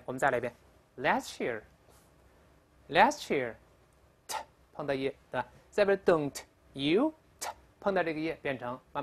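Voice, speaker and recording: An English teacher giving a recorded lecture, explaining step by step, asking the class questions and repeating words slowly for drilling. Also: mid-range voice. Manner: asks questions of the class in a sharply raised voice. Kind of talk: recorded grammar and pronunciation lecture.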